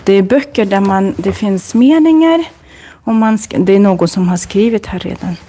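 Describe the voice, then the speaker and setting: A woman teaching a casual language lesson in a library, browsing books and speaking slowly and clearly for learners. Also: mid-range voice, warm tone, a little hiss or hum. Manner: slow, clear demonstrating speech for learners; chatty, recommends books while browsing. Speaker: Swedish teacher. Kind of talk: casual live lesson on a walk. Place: library, indoors.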